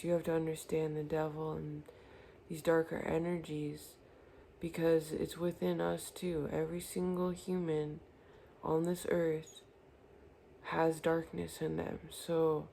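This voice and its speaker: Tarot reader, woman, mellow dark tone, earnest and reassuring, faint noise behind. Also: low-pitched, flat delivery, unhurried, vocal fry. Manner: earnest, reassuring, addresses viewer directly. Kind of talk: spiritual tarot reading.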